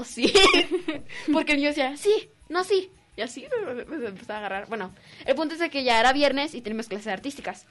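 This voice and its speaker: A teenage girl with a Mexican Spanish accent, co-hosting a youth radio show and telling a story in a casual, animated way, acting out the voices. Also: high voice. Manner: animated, acts out voices in her story, giggly. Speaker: young radio co-host. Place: radio studio.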